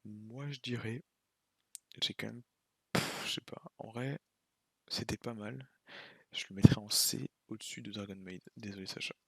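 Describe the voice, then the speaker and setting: A man with a low, gravelly, husky voice rambles through a casual tier-list ranking in an offhand, slangy way. He sounds tired late at night. The sound is dry and close. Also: fairly even intonation, moderate pace, pauses often, sharp tone, dry recording. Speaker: YouTuber ranking anime.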